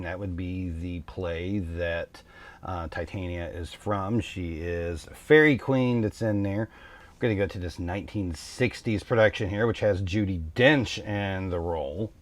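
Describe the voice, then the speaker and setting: A man hosting a tabletop game channel, talking through a topic in a relaxed, thoughtful way with frequent ums and uhs. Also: lowish voice. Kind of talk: casual explainer talk.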